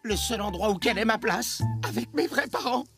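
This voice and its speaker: A woman voicing a dramatic, anxious boy raised by trolls, who frets and bursts into panicky yelling. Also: mid-range voice, a little fast, lightly acted. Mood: worried. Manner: fretful, swings to panicky yelling. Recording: loud cartoon music underneath.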